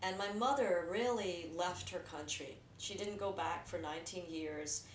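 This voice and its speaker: Captured on a distant mic with roomy echo and faint background noise, an American woman from New Jersey speaks openly about herself. She works as a filmmaker, and her lowish voice moves a little slowly as she reflects in casual conversation.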